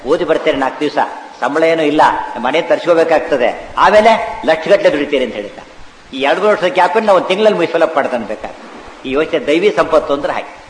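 A man giving a devotional discourse on scripture. He explains patiently, chants the verses slowly and asks and answers his own questions. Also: on the high side, slight background noise. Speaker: religious teacher. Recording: echoey hall, faint ambience.

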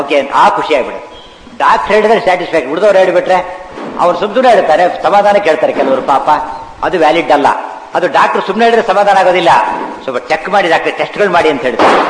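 A man delivers a devotional discourse, chanting scripture verses slowly and then unpacking them in plain talk. His voice sits a bit high for a man. The recording rings with a long echo from a large hall, over a faint hum of ambience. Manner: explanatory, chants scripture lines slowly, asks and answers his own questions. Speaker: religious teacher.

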